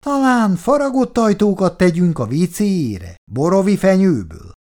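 A man's voice: sing-song, dark tone. A man voicing a touchy, nervous shopkeeper who pleads and takes offense in a raised, strained voice, in an audiobook reading. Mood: indignant. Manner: pleading, indignant, higher-pitched.

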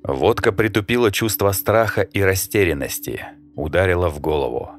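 A man narrating an audiobook in an even storytelling manner. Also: low voice, moderate pace. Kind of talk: scripted narration.

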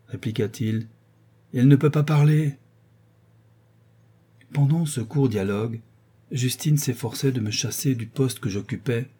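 A man narrating a classic novel in a measured storytelling manner. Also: fairly low pitch, dark tone, slightly rough. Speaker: audiobook narrator.

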